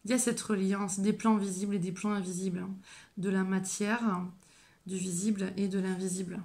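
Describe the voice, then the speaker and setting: A woman working as a medium, giving a live oracle card reading, speaking haltingly with many restarts and gently encouraging her viewers. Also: medium pitch, level tone. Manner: hesitant, halting, with frequent fillers and restarts. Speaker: medium and spiritual guide.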